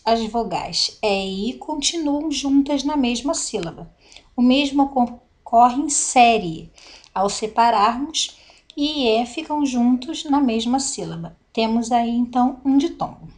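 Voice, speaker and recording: A young adult woman, giving a grammar lesson in a slow, deliberate way and spelling out examples. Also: a little high. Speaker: teacher.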